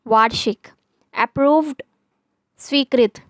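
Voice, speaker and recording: High-voiced woman teaching. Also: slow pace, a bit bright, dry recording. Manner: reads terms aloud, mixes English words into Hindi; often says "theek hai". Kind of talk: online exam-prep lesson.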